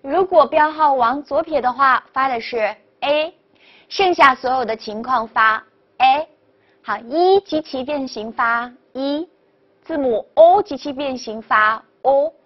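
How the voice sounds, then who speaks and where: A woman teaching French pronunciation in a video lesson, upbeat and quick to praise, repeating each model word. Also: sits high. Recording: dull lo-fi recording.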